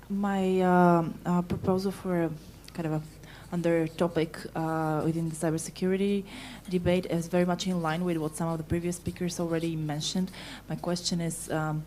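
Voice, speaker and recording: A woman with a very low, flat, dark voice asks a question from the floor at a conference. She hesitates often with fillers, and faint room ambience sits behind her. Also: normal speed, hardly any pauses, a little hiss or hum. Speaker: university academic asking a question.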